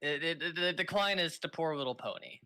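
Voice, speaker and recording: Bright-voiced joking male caster. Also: fairly high pitch, expressive, brisk, clear, resonant tone. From Los Angeles. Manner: joking, rambling, repeats words when starting. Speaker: esports shoutcaster. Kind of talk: casual esports commentary.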